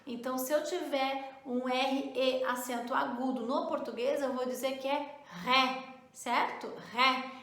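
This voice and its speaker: A fairly high-voiced woman teaches a relaxed spoken lesson. She explains things patiently, often checks that the listener is following, and slows down to model each word carefully. Her voice rings around an echoey room. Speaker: French teacher.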